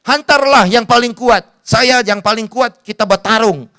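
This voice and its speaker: A man voicing a boastful, angry giant warrior who shouts taunting challenges. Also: very high-pitched, unhurried, no echo, studio quality, exaggerated voice.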